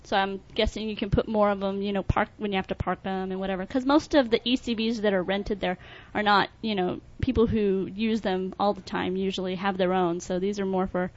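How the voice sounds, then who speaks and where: A woman's voice: medium pitch, level tone, a little fast, hardly any pauses. A woman co-hosting a podcast, chatting casually and musing aloud. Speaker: podcast co-host. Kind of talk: casual chat. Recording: dull lo-fi podcast audio.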